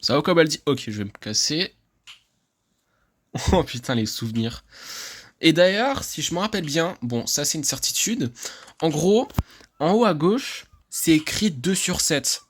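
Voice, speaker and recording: A man from France giving excitable, chatty let's-play commentary, laughing often and swearing casually. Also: a little high, measured pace, long pauses. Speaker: gaming YouTuber.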